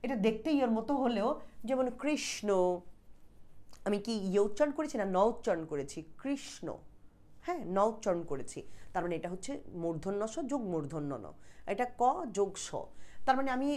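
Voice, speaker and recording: A woman's voice: mid-range voice, big pitch swings, fast, dark tone. A woman with a Bangladeshi Bengali accent teaching an exam-prep grammar lesson, explaining patiently, repeating points and asking checking questions.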